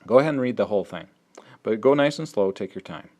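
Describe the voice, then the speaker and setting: A man's voice: on the low side, lively intonation, quick pace, darkish tone. A man explaining an app step by step in a tutorial, thinking aloud as he works. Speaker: teacher. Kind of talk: screen-recorded app tutorial.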